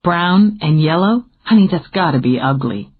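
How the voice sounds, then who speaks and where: A female narrator voicing a dry, teasing man in a deadpan manner. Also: deep voice, moderate pace, breathy edge. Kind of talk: audiobook character reading. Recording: tinny phone-like audio.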